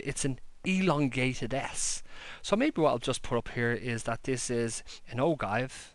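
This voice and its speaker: Drawing on paper at a desk under an overhead camera, a maths lecturer teaches a handwritten, whiteboard-style lesson, plainly explaining every step. He speaks at medium pitch with a fairly bright tone and no echo.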